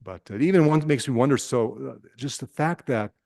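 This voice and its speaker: Here a Nebraskan priest addresses a retreat group casually, tripping over fillers and restarts while asking the room questions. The voice is male, mid-range, with vocal fry and a darkish tone, and the recording is dry.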